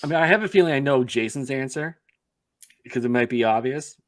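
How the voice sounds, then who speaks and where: A man hosting a podcast, asking questions eagerly and excitably. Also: mid-range voice, brisk. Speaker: podcast host. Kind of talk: casual interview.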